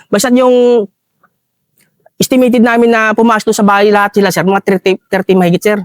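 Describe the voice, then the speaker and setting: A man recounts his combat story, stopping often to add a respectful sir. His voice sits high for a man. The sound is close and dry, with no room echo. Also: little pitch movement. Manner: deferential, says sir constantly, halting with fillers. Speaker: retired soldier interviewee. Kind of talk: war story interview.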